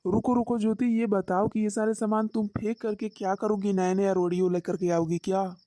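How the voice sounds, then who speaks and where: A woman's voice: medium pitch, level tone, a little fast, warm tone, no room sound, studio quality, natural voice. A woman voicing an impatient young husband in a cartoon story, firing off demanding questions. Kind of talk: Hindi cartoon story voice acting.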